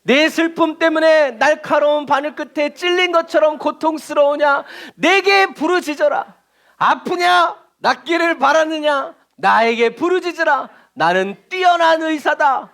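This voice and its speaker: A preacher voicing God in slow, booming declamation, calling the listener to cry out to him. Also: male voice, creaky, a bit bright, heavily acted. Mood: pleading. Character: God speaking, commanding and tender.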